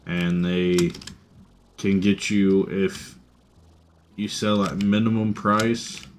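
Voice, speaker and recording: During a casual gaming stream, this young man, an English native speaker, thinks aloud with fillers and restarts. He speaks in a low-pitched, fairly flat voice with drawn-out words; there's a little hiss or hum, and faint music and typing behind him.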